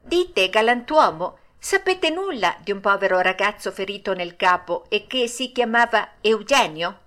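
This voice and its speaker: A woman voicing a frightened, excitable wooden puppet boy in a storybook reading, shrill and breathless. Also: unhurried. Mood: eager.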